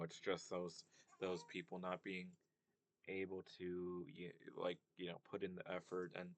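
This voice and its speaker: A man's voice: deep voice, creaky, dry recording. A young man talking casually about language, rambling with many fillers and restarts. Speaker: commentator on language. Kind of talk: casual monologue.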